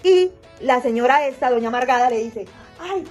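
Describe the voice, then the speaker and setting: A woman's voice: a little high, lively intonation, fairly quick, darkish tone, faint music behind. A woman telling a personal story in a casual monologue. She rambles, repeats herself and uses many fillers.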